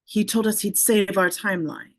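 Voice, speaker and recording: A man's voice: high-pitched, normal speed, fairly bright tone, pitched above the performer's own voice. A man voicing a stern female time-agency officer who is shaken in her beliefs, speaking in an earnest, pleading way. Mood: troubled.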